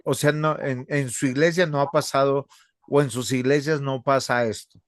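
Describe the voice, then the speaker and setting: A man, a pastor teaching a seminary theology class, speaking in a measured, earnest way and addressing his students as brothers. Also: mid-range voice, steady tone, dry recording, clean studio sound. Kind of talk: online theology lecture with class discussion.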